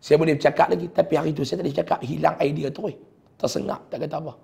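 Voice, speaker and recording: A middle-aged man with a Kedah Malay accent, a religious teacher telling a heartfelt personal story in a sermon, often sinking to a hushed voice. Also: on the high side, level tone, rapid-fire, creaky. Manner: heartfelt storytelling, dropping to a hushed voice at sad moments.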